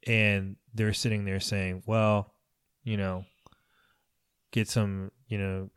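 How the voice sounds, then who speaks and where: A man's voice: lowish voice, little pitch movement, slow, clean tone. A man in casual podcast conversation who talks emphatically, often restarting and cutting in. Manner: emphatic, restarts a lot, interjects. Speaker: podcast host.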